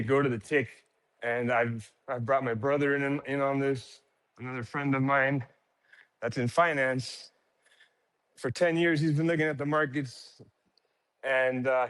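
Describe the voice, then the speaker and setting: A man's voice: medium pitch, a bit bright, no echo. A man in his forties from Miami, out of breath and calling in from work on a phone, talking eagerly and gratefully in a rambling way. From Miami, Florida. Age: 40s. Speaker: caller, trader. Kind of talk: casual chat on a live audio room. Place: at work, walking in a hospital.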